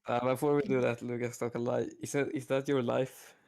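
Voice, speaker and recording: A man's voice: medium pitch, little pitch movement, fairly quick, vocal fry, darkish tone. A man bantering casually with a friend, teasing him and filling his sentences with likes and you-knows. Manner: teasing, with fillers. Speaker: co-host friend.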